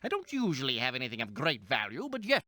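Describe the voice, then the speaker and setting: A grumpy old pawn shop guy, curt, bright and bouncy voice. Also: mid-range voice, huge pitch swings, fast talker. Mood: complaining. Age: older. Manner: gruff and curt. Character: crusty old male pawn shop owner, gruff and curt. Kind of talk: 1990s game voice acting.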